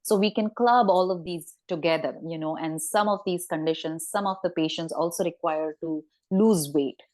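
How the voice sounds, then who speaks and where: Woman guest, dietitian, lower voice, agreeable, lays out points one by one. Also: normal speed, darkish tone. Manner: agreeable, explains step by step. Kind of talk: conversational interview.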